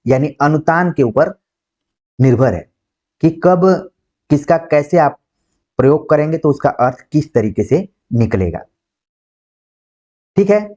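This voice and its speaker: A man teaching an exam-prep Hindi lesson who explains slowly, acts out example words and keeps checking with "ठीक है". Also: a little high, animated, warm tone. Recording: dull lo-fi sound.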